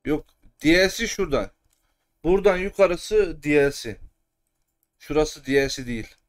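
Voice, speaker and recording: A man giving live gameplay commentary as a streamer, excitable and cursing at the game at times, then calm and muttering. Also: on the high side, normal speed.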